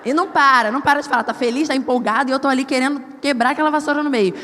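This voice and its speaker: A woman preaching a sermon at a women's service, telling personal stories in an animated way and acting out the dialogue. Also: sits high, very fast, a little hiss or hum. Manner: animated storytelling, acts out quoted dialogue. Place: church hall. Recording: church hall with long reverb.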